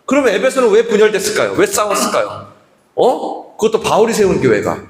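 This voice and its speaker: A man's voice: high voice, sing-song, fairly quick. A man preaching a sermon as pastor, chatting with the congregation and asking them questions. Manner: conversational preaching with quoted voices and questions to the congregation. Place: church sanctuary. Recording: echoey church hall with long reverb.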